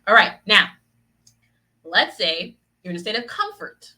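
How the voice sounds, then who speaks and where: A woman's voice: mid-range voice, very animated, a little slow, pushed and bright, rough recording. A woman business coach giving an upbeat solo podcast talk, checking in with "right?" again and again. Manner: upbeat, peppers sentences with "right?"; acts out little voices of clients.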